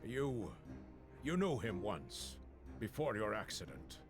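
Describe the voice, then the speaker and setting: An actor voicing a grave, middle-aged master monster hunter in a dramatic video game, speaking with measured, serious authority. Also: male voice, fairly low pitch, big pitch swings. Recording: music under the voice.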